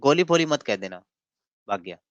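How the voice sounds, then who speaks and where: A man's voice: mid-range voice, expressive, moderate pace, no echo, muffled recording. A man hosting a livestream debate, mocking his opponent and reading passages aloud in a lecturing way. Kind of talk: casual livestream debate and commentary.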